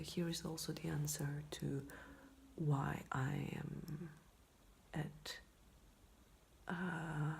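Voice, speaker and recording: A low-voiced woman, talking in a quiet, often whispered night-time hush. Her voice is gravelly with fry and sounds tired. She rambles in a self-deprecating way, speaking casually up close to a phone. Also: slight background noise. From Poland. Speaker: vlogger. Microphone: iPhone, leaning in close.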